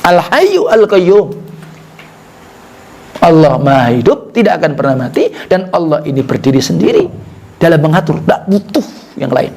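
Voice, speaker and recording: A man's voice: fairly high pitch, very animated, brisk, vocal fry, a little mellow. An Indonesian man giving an Islamic sermon, reciting Arabic texts, translating them and asking the audience rhetorical questions as he explains. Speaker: Islamic preacher.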